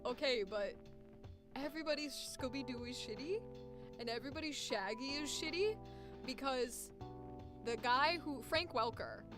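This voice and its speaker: Music plays under this live stream, where a young woman voice actor with a high voice chats casually about voice acting at a moderate pace, occasionally trying squeaky character voices.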